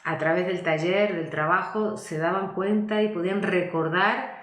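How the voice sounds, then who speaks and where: A woman voice coach, teaching in a thoughtful way, often pausing to search for words and inviting the listener to reflect. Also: lowish voice, fairly even intonation, fairly bright tone. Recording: echoey room.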